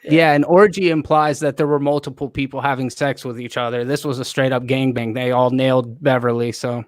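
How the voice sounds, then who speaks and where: A man's voice: mid-range voice, fairly even intonation, fairly quick, no room sound, studio quality. A man on a casual live-stream panel, giving blunt, joking opinions at length.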